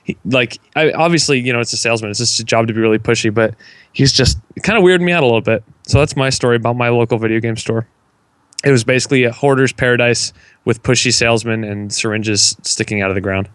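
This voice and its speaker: A man's voice: mid-range voice, fast talker, a bit bright, smooth, dry recording. A young man hosting a casual gaming podcast, rambling and joking with plenty of fillers. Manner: rambling, self-deprecating, lots of fillers. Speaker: podcast host.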